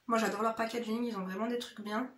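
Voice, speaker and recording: A higher-pitched woman talks fast with fairly even intonation in an informal makeup chat. This beauty vlogger is direct, slangy and familiar with her audience, often using "hein," and the get-ready-with-me clip was recorded in a noticeably echoey indoor room.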